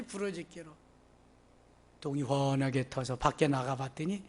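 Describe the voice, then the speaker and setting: Male pastor, high voice, preaching. Chatty retelling of scripture, sudden loud peaks and near-murmurs, calls for the congregation's responses. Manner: swings from loud exclamations to hushed asides; plain conversational storytelling of scripture. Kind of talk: sermon.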